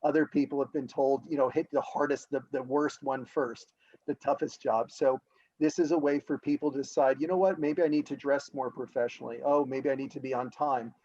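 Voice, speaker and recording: A man of middling pitch explains how teachers are evaluated, talking conversationally and giving everyday examples. He often restarts his words, and the audio sounds slightly muffled. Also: steady tone, a little fast, darkish tone. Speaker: school administrator. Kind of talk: explaining in a meeting.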